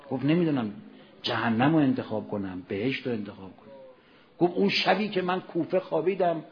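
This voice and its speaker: A man preaching a sermon, telling a story dramatically, moving from hushed passages to loud exclamations. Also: on the high side, highs cut off. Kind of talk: Ramadan religious sermon storytelling.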